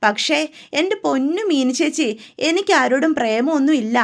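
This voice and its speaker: A woman voicing a young woman who answers her older sister defensively with sharp retorts. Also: sits high, animated, moderate pace.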